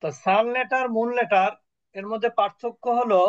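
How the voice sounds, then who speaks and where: A man's voice: sits high, steady tone, a little fast, no echo. A man teaching an Arabic class online, patiently quizzing his students as he explains. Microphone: video call. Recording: dull lo-fi dry call audio.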